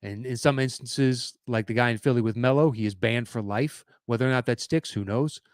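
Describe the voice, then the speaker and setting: A man's voice: medium pitch, a little fast, clear, resonant tone, no echo, studio quality. A man hosting a podcast, giving opinionated solo commentary in a conversational way with fillers and restarts. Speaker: podcast host.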